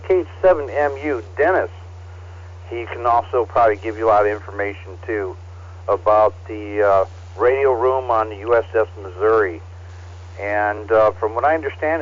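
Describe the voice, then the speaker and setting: A man acting as net control on an amateur radio net, heard over a ham radio transceiver, reading call signs in a relaxed, halting way. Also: fairly low pitch. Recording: dull, lo-fi radio audio.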